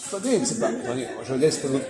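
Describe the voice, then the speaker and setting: A man hosting a café philosophy discussion in a fast-food restaurant, lecturing and quizzing his guests with some impatience. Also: medium pitch, very animated, over a noisy crowd. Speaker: discussion host. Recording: roomy, loud background music. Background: loud music.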